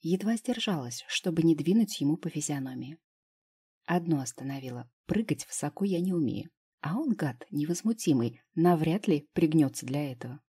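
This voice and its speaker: A woman's voice: low-pitched, lively intonation, normal speed, warm tone, breathy edge. A woman narrating a first-person novel as an audiobook, in a wry, ironic way.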